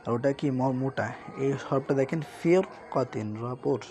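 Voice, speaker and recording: A man teaching Quran reading, spelling out syllables slowly and repeating each word, asking questions and answering them himself. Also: medium pitch, fairly even intonation, darkish tone. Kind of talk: spelled-out recitation lesson. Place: madrasa room with sounds nearby. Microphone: screen-recording setup.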